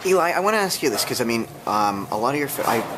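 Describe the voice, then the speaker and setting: A man's voice: medium pitch, sing-song, fast talker. A man asking questions as an entertainment interviewer, casual and effusive, like a keen fan. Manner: effusive, fannish. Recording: clear background noise, event ambience.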